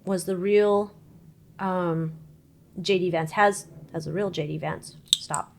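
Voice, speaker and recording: A woman giving an informal psychic tarot reading, thinking aloud in short, halting phrases and muttered questions. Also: on the low side, steady tone, gravelly, slight background noise.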